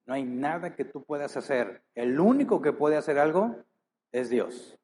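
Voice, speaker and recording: A man's voice: a little high, expressive, a little mellow, slight background noise. A male pastor preaching a sermon, reading scripture aloud and then pressing the listeners with rhetorical questions, leaning into key words. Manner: earnest, drawn-out emphasis with many rhetorical questions.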